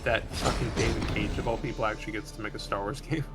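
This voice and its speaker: A man's voice: on the low side, steady tone, quick pace. A man co-hosting a gaming stream, chatting casually over the gameplay. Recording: loud game music behind. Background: game music and sound effects.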